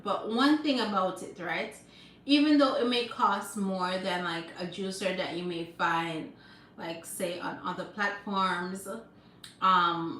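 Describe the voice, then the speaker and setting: Far from the mic, a livestream host chats casually in a mid-range, fairly bright voice. She's a young Jamaican-accented woman who laughs a lot and keeps thanking viewers, and the audio is roomy with noise in the background.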